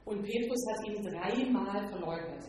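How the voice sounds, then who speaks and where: A woman leading communion in a church, retelling a scripture passage in lively everyday speech and then praying softly and earnestly. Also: medium pitch, a little slow, a little hiss or hum. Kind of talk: devotional talk and spoken prayer. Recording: echoey church hall, voice from far off.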